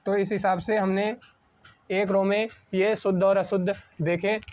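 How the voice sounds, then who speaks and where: A man teaching an exam-prep spelling lesson at a board, asking a question and answering it himself, slowing down on each correct word. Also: high voice, flat delivery, a little mellow. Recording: dull lo-fi sound.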